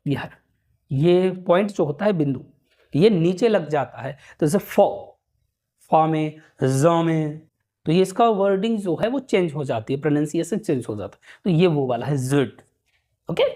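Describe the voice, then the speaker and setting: A man teaching pronunciation, repeating words slowly and checking that students follow. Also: high-pitched, darkish tone. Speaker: English teacher. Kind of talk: Hindi-English spoken lesson.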